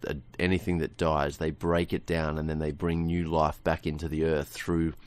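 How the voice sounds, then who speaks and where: Deep-voiced man rambling on a radio chat. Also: level tone, moderate pace, clear, resonant tone. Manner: rambling, laughs often, many restarts. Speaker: radio guest. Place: radio studio.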